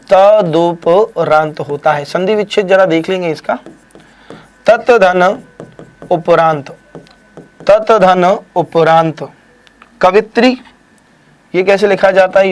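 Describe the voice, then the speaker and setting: A man with a high-pitched voice leads a live online exam quiz. He spells words out slowly and deliberately, then moves on with quick praise and teasing. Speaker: Hindi exam teacher.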